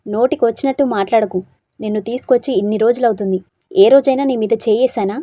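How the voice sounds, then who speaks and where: A woman's voice: a little high, fast talker, no room sound, lightly acted. A woman reading a story aloud, voicing a bewildered, hot-tempered young husband who snaps defensively. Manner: sharp, defensive.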